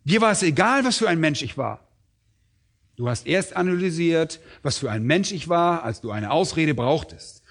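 A man voicing a stern, indignant master who accuses his servant in an incredulous, high-pitched tone. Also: lively intonation, normal speed, fairly bright tone. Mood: accusing.

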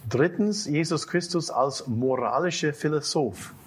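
A man interpreting a lecture consecutively, halting often and repeating key phrases. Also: fairly high pitch, a little hiss or hum.

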